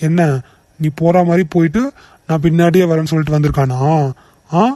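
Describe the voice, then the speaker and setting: Brief: man playing a nasty cartoon bully, high yet mellow, sneering, dry close sound. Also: fairly even intonation, a little fast, no echo, natural voice. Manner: sneering, insulting. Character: young male bully brother, rude and threatening. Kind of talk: cartoon voice acting.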